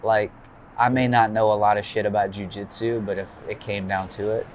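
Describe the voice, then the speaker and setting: A man with a lowish voice talks in a loose, rambling way, cursing freely and circling back on his words. It's relaxed conversation, with a faint noise floor under the recording. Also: brisk. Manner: loose, profane, rambling with restarts. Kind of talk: casual chat.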